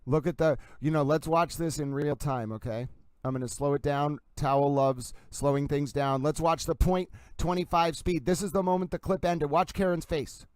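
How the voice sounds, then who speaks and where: A man's voice: on the high side, fairly even intonation, moderate pace, clear, resonant tone, dry recording. A man hosting a livestream in a mock sports-commentary style, showy and emphatic, repeating catchphrases. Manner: showman-like, emphatic, repetitive catchphrases.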